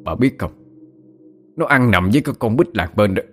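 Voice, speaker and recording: A man voicing an enraged middle-aged father, a village ritual master, yelling and scolding his son. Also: fairly low pitch, animated, normal speed, faint music behind. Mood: bitter, shouting.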